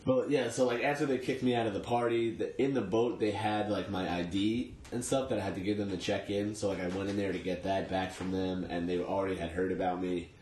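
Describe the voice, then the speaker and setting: A man's voice: deep voice, steady tone, brisk, few pauses, darkish tone, a little hiss or hum. Wry young New man in echoey room. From Long Island, New York. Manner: laid-back, profane, wry anecdotes. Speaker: guest comedian. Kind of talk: casual storytelling interview.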